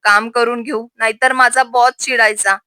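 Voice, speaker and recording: A woman's voice: on the high side, steady tone, normal speed, sharp tone, clear, resonant tone, dry recording, clean studio sound. A woman voicing a cheerful, teasing young man who jokes with his friend's wife. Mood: earnest. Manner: teasing, playful.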